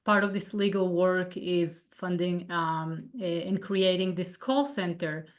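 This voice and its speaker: A woman executive speaking on a panel, measured and pausing often with fillers. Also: lowish voice. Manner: measured, with frequent hesitations. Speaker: international affairs executive. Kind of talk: panel conversation.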